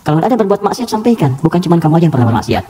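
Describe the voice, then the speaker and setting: Rapid, animated preacher man. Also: on the high side. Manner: animated, rhetorical questions, acts out quotes. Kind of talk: lively sermon to a live audience.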